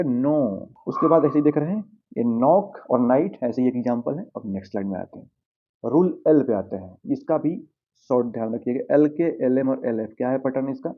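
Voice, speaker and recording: A man teaching English pronunciation over slides, patiently asking the viewer questions and answering them himself. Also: medium pitch. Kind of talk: slide-based pronunciation lesson. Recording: tinny phone-like sound.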